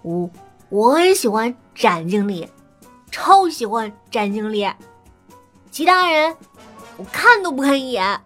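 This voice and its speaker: A woman's voice: fairly high pitch, sing-song, unhurried, long pauses, exaggerated voice. A woman voicing a brash, tipsy young woman who talks bluntly and stammers when flustered, in an audiobook scene. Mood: declaring boldly. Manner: stammering, exclamatory. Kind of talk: audiobook character dialogue. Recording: soft background music.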